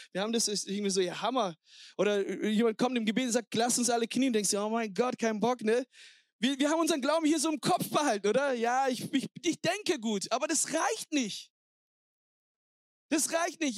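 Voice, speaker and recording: A married man preaching a sermon, energetic and exhorting, sprinkling in English words. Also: very high-pitched, no echo, studio quality. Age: adult, married. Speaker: pastor.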